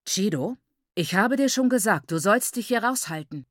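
A woman voicing an enraged, domineering middle-aged father who shouts and berates his daughter. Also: medium pitch, lively intonation, a little slow, no echo, studio quality, natural voice. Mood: furious.

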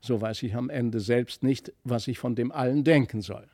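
A man reading aloud plays a thoughtful noble father in a storybook, musing and deliberate. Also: medium pitch, warm tone, no echo, studio quality, lightly acted. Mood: pondering.

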